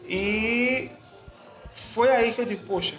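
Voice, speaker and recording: A man from Bahia with a Bahian accent, answering interview questions in a reflective, pausing way with frequent restarts. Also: very high-pitched, fairly bright tone. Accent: Bahian Portuguese. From Bahia, Brazil. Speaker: interviewed artist and musician. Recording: echoey room with music behind.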